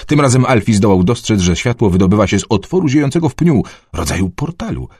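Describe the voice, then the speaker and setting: A man narrating an adventure novel in a dramatic, expressive storytelling manner. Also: on the low side, fast, breathy edge, dry recording, clean studio sound. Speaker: audiobook narrator.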